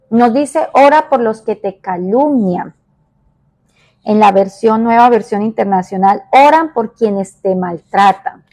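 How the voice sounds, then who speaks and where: A woman evangelist giving a devotional sermon, emphatic and repetitive, moving between soft and raised delivery. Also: fairly high pitch, gravelly.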